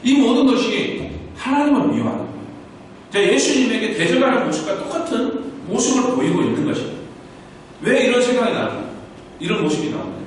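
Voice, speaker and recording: A man's voice: very high-pitched, very animated, brisk, a little hiss or hum. A man preaching a sermon as pastor, asking questions and answering them himself. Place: church sanctuary. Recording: echoey church hall, mic far off.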